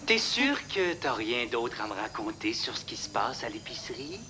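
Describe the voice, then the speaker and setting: A man's voice: medium pitch, sing-song, normal speed, pushed and bright, a little hiss or hum. A man with a Quebec accent playing an impostor posing as a father on a webcam call, cold and prying, with bursts of forced cheer. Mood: sly. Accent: Quebec French. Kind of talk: web drama acting.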